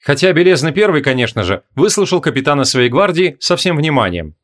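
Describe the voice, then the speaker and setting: Male audiobook reader, expressive and animated, slightly high voice. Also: a little fast. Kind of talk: audiobook narration. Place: home studio.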